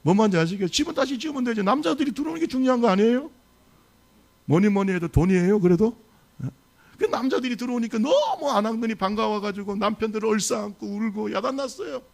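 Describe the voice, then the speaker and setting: Gravelly-voiced pastor preaching a sermon. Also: male voice, high-pitched, quick pace. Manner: animated storytelling, quizzing the congregation. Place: church service.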